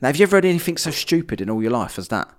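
A man's voice: a little high, very animated, racing. A man hosting a solo podcast, ranting bluntly about the news with frequent swearing. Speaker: podcast host. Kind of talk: casual solo commentary.

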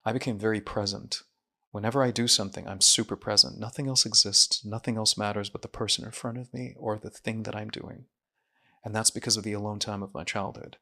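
A low, gravelly man talks through his thoughts in a reflective interview. His voice has a bright, slightly tense edge, and he speaks earnestly with small restarts. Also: steady tone, fairly quick. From Saudi Arabia. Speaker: guest, mind researcher and coach.

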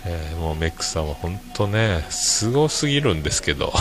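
A man with a hoarse voice, hosting his own show and chatting casually to listeners with many fillers and chuckles. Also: deep voice, big pitch swings, brisk, soft background music. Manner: rambling, many fillers, laughs at own jokes. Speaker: podcast host. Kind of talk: casual solo chat to listeners.

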